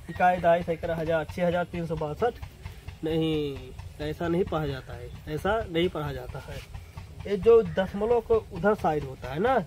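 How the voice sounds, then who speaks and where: A man's voice: sits high, a little mellow, a little hiss or hum, low-quality recording. A man teaching basic math in a casual classroom way, repeating each point and tagging lines a questioning "na". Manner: talks straight to students, repeats points with "na" tags.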